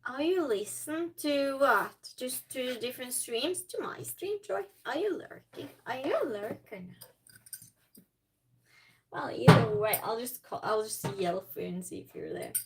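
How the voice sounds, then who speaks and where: This non-native English-speaking woman is livestreaming from her home kitchen, chatting casually as she cooks; she rambles and reads viewer comments aloud before responding. She speaks with a fairly high, expressive voice at a measured pace against a noisy background.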